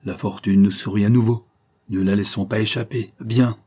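A man's voice: on the low side, fairly even intonation, moderate pace, warm tone, breathy edge. A man reading an audiobook voices a scheming, ruthless female adventuress who gives orders in an imperious, gloating manner. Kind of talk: audiobook character voicing.

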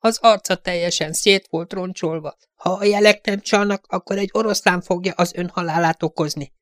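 Squeaky, ominous old soothsayer for an audiobook, thin and shrill. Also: male voice, fairly even intonation, a bit bright, dry recording, studio quality. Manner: murmuring, ominous. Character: thin squeaky old male fortune-teller, eerie.

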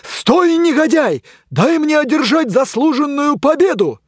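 A man voicing a pompous, blustering knight who shouts grand challenges and whose voice cracks high. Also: big pitch swings, a little slow, breathy edge, dry recording, studio quality, heavily acted. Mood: furious. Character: pompous blustering knight, shrill, easily flustered.

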